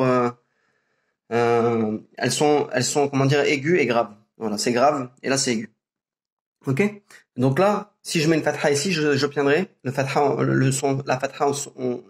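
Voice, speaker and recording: Patient man teaching pronunciation. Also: medium pitch. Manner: patient, explains slowly with fillers and repeated sounds. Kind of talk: casual spoken lesson.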